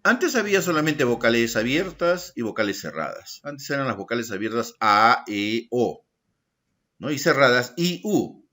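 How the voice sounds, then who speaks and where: A man teaching a secondary school language lesson in an online class, explaining slowly and checking in with his students by asking short questions. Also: medium pitch, very animated, bright, forceful tone. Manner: slow, deliberate explaining, tag questions to students.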